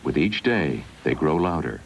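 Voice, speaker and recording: A man giving measured, scripted wildlife documentary narration, heard from a worn VHS tape copy. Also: very deep voice, big pitch swings, vocal fry, very noisy.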